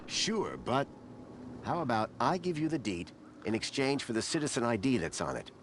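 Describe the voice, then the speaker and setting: A man's voice: medium pitch, very animated, normal speed, slight background noise, lightly acted. A man playing a wry, persistent adventure game hero, no longer young, with a dry conversational delivery. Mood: wry, bargaining. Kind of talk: video game voice acting and first-person narration.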